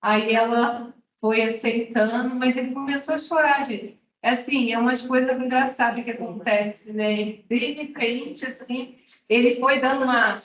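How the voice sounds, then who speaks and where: A woman's voice: fairly high pitch, steady tone, moderate pace, fairly bright tone. A woman teaching a nutrition class, chatting with her students and often checking in with them as she goes. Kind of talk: classroom lecture with anecdotes. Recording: echoey room, distant mic, dull sound.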